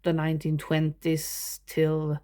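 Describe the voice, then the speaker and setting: Woman, Swedish accent, slow unhurried delivery, chatty home collection vlog, frequent laughs. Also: low voice, completely flat delivery, dark tone. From Sweden. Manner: chatty, unhurried, laughs often between remarks. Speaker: movie collector showing her collection. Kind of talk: casual show-and-tell vlog. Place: home room with movie shelves.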